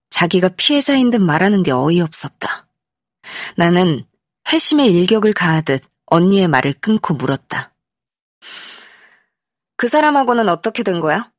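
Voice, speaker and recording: A woman narrating a first-person literary audiobook in a measured, expressive way, in a studio. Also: lowish voice, no echo. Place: recording studio. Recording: dry studio.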